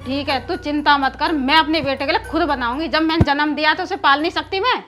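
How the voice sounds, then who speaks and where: A woman's voice: high-pitched, fast talker, sharp tone, soft background music. A woman playing an indignant rural mother-in-law who nags and scolds. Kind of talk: rural film drama acting.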